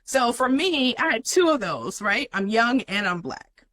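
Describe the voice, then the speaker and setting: A young adult woman speaks as an interview guest, her voice bright and a touch higher than most. She tells her own story earnestly and leans on "you know" as she goes. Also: big pitch swings, measured pace, rough recording.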